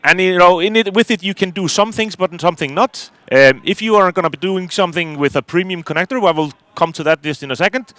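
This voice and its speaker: A man's voice: high-pitched, fast talker, hardly any pauses, fairly bright tone, dry recording. A middle-aged man from Iceland, giving a technical conference talk from a stage, hesitant with many fillers and restarts. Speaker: conference speaker.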